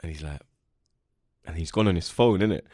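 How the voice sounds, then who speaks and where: Brisk and mellow with a low pitch, a young London-accented Englishman hosting a podcast spins a casual story full of slang, voicing the people involved himself. The clean studio audio carries no room sound.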